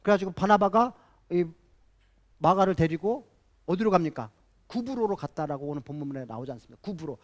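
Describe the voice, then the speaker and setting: A pastor with a high, animated voice preaches at a fairly quick clip. He is emphatic, repeating key phrases and posing rhetorical questions to the congregation.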